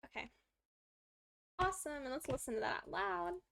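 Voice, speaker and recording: This livestreaming language learner has a high-pitched, slightly bright voice with big swings in pitch and a moderate pace. She cheerfully talks herself through examples while reading lesson material aloud on her study stream.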